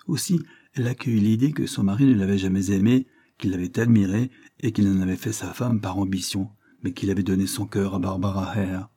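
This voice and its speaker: A man narrating a classic novel aloud with measured, expressive delivery. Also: sits low, slightly rough. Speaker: audiobook narrator.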